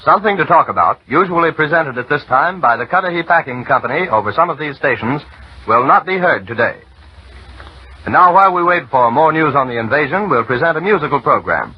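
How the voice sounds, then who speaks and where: A man's voice: a little high, expressive, a little fast, husky, muffled recording. An American man making a formal, grave 1940s war broadcast announcement on an old radio recording.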